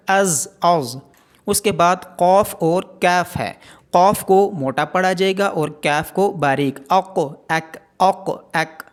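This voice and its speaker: Man drilling Arabic letter sounds slowly. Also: on the high side. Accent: Pakistani Urdu. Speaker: Quran reading teacher. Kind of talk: step-by-step pronunciation lesson.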